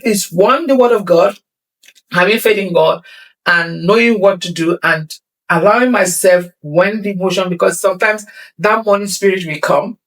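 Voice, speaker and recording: A woman's voice: medium pitch, normal speed. A middle-aged woman talking as a talk show guest, emphatic and motivational, repeating her phrases for stress. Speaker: guest, community leader and counselor.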